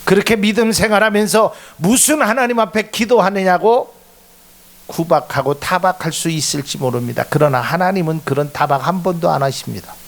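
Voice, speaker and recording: A man's voice: sits high, moderate pace. A middle-aged male pastor preaching a sermon, acting out quoted voices and rising to emphatic peaks.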